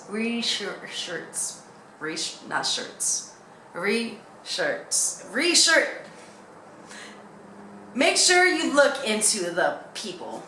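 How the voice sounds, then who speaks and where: A woman's voice: a little high, bright, forceful tone. A young woman chatting casually in a candid, rambling way that jumps from thought to thought, like a vlogger talking to viewers. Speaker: YouTuber. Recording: echoey room with faint background noise.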